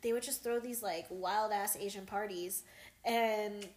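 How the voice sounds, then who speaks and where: A woman's voice: medium pitch, fairly even intonation, a little slow, a little mellow. Young woman, casual podcast chat, rambling fillers, echoey room. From United States. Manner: rambling, many fillers and laughs. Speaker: podcast co-host.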